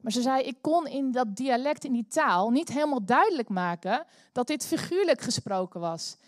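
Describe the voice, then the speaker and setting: A Dutch woman preaching a sermon in church, telling a story with animated bursts of energy. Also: high voice, moderate pace, no room sound, clean studio sound. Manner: animated, bursts into loud cheering when acting out the story. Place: church hall.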